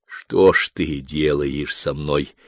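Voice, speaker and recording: A man voicing a gruff, worn-out corporal. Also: low voice, measured pace, no room sound, clean studio sound. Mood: tense. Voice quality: muted, gruff delivery. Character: worn-out enemy corporal, tense, wary, gruff. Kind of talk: audiobook character voice.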